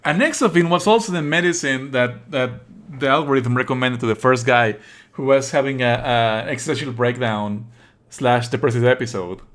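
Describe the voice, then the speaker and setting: With faint game music in the background, a male streamer playing a game mocks it in a casual, sarcastic way. His mid-range voice has a fairly bright tone and moves at a normal speed.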